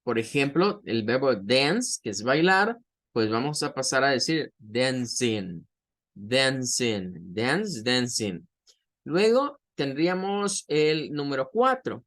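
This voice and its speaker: A man teaching English grammar in a patient, explanatory lecture, repeating example words slowly. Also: medium pitch, sing-song, fairly bright tone.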